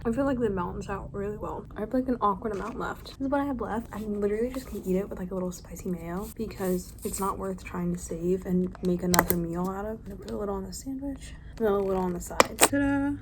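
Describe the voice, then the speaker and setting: Brief: young woman, hushed whispered role-play, phone vlog, quiet and breathy. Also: medium pitch, fast, hardly any pauses, heavy background noise. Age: young adult. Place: public place, indoors.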